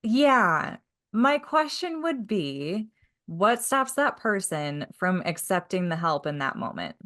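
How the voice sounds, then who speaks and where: A woman's voice: mid-range voice, sing-song, slow, fairly bright tone. A woman co-hosting a podcast, speaking thoughtfully and asking probing questions. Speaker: podcast co-host. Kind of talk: casual podcast discussion.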